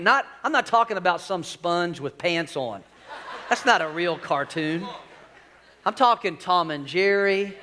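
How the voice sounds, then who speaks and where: A man in his forties with a high-pitched, somewhat bright voice delivers a sermon as senior pastor. On a large church stage with screens, his folksy, joking style draws the crowd in.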